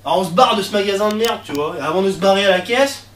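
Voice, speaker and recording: A young male comedian tells a sketch in rough street slang, now and then erupting into loud shouts. He sounds distant from the mic, in a room with a noticeable echo. A faint hiss sits underneath the recording. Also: high voice, very fast. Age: young adult. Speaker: stand-up comedian. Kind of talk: comic monologue sketch. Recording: echoey room, far mic, faint noise.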